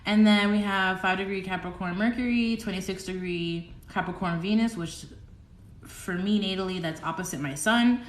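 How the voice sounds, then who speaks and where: A young woman giving a casual livestream tarot reading, chatty and excitable, rambling with giggles. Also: mid-range voice, normal speed, roomy sound. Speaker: tarot reader.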